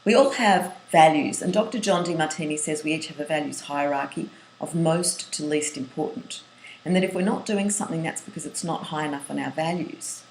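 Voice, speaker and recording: A woman's voice: deep voice, a little fast. A middle-aged woman, a writing coach, giving a webinar lesson in an earnest manner, listing points and sometimes restarting phrases. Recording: roomy echo, faint hiss.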